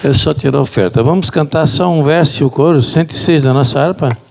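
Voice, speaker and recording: Um homem com sotaque brasileiro dirigindo um culto na igreja, chamando a congregação para ficar de pé e cantar. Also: male voice, on the high side, quick pace, vocal fry, darkish tone, a little hiss or hum. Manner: calls the congregation to stand and sing. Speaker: church leader. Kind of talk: leading a church service. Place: church hall. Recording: guitar playing behind the voice. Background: guitar music.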